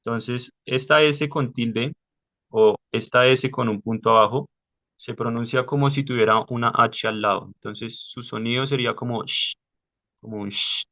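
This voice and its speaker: A man leading a study class over a video call, explaining patiently step by step with many pauses. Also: mid-range voice, steady tone, a bit bright. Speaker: study group leader.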